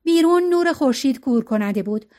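Woman narrator, high voice, expressive audiobook reading.

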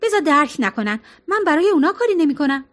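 A woman's voice: high-pitched, sing-song, fairly bright tone, voice pushed up. A woman reading insistent grieving Serena. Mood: firm. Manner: pleading, persuasive. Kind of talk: audiobook character reading.

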